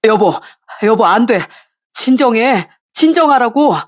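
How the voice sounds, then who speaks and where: A woman's voice: medium pitch, normal speed, no room sound, close to an everyday voice. Woman doing a panicky husband, stammering pleas, dry close read. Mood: flustered pleading. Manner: stammering, pleading. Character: cheating middle-aged husband, flustered and pleading.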